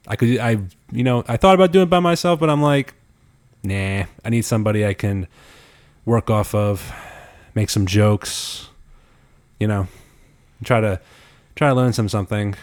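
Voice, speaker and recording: A young man hosting a casual podcast chat, teasing his guest and laughing often. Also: lowish voice. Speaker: podcast host.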